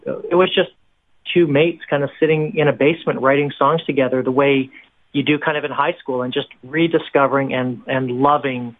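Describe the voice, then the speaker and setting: A man's voice: medium pitch, steady tone, normal speed. Chatty man from Canada on a phone line. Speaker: worship pastor, songwriter. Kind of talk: interview guest, casual storytelling.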